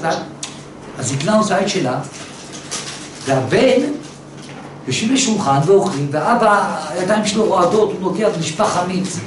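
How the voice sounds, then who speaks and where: A man giving a religious lesson, telling a parable and pressing his listeners with rhetorical questions. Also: high voice. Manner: animated storyteller, rhetorical questions. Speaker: religious teacher. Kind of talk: Torah lesson with a told parable. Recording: very echoey room, distant mic, faint noise.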